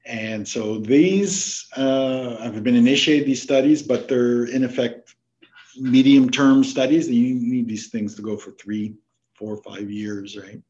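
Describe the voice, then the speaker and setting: A man from Canada, a researcher guest on a podcast interview, who explains his work in a halting way with many fillers and restarts. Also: medium pitch, steady tone, warm tone, muffled recording. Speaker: plant disease researcher, guest.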